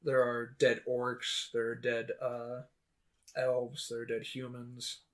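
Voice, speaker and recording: A man running a tabletop game as dungeon master, describing the scene in a loose, rambling way. He fills his pauses with plenty of uh's and restarts, at a middling pitch. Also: monotone. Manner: loose, rambling, many fillers.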